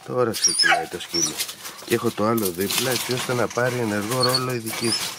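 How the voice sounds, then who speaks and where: A man training hunting dogs outdoors, explaining his methods in an instructive, emphatic way. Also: on the low side. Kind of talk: explaining to camera while working dogs. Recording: loud outdoor noise with barking dogs. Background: dogs barking.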